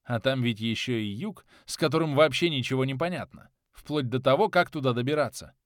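A man's voice: mid-range voice, a little fast, no room sound, clean studio sound. A man narrating a first-person audiobook in a wry, conversational way with ironic asides.

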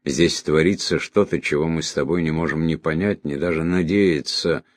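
A man voicing a grumpy older man who grumbles in a low, serious tone. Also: fairly even intonation, normal speed, dry recording, clean studio sound. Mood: grumbling.

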